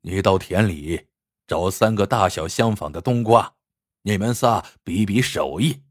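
A man voicing a strict, stern old master barber who scolds and commands his apprentices in a gruff, lowered voice. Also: a little slow, no echo, clean studio sound. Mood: commanding.

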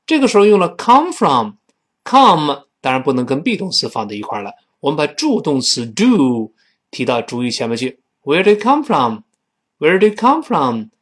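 活泼的男英语老师，带中文口音. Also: male voice, mid-range voice. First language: Chinese. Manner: animated, repeats phrases slowly for learners to copy. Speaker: English teacher. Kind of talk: spoken English lesson.

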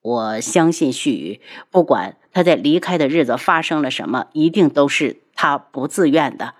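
A woman voicing a heartbroken young nobleman who pleads in a low, subdued voice. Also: animated, moderate pace. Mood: pleading.

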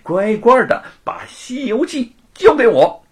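A man voicing a gloating, sneering young rich lord who taunts and cackles in a high, shrill voice. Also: huge pitch swings, takes it slowly, fairly bright tone, breathy edge, full character voice. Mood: scornful.

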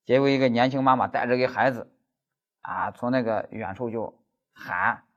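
A man's voice: medium pitch, normal speed, lo-fi sound. A man giving an exam-prep law lecture as a lecturer, telling stories animatedly with stammered repeats.

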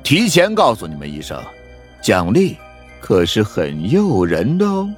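Man putting on a slow, gloating villain. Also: fairly low pitch, huge pitch swings, soft background music. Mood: taunting. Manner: slow, taunting, laughing. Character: sly, gloating male werewolf villain. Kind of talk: audiobook character voice.

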